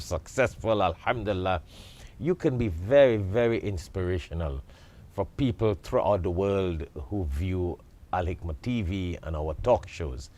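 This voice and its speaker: Deep-voiced male talk show host. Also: darkish tone. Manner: formal, effusive introductions. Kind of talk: studio interview. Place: TV studio.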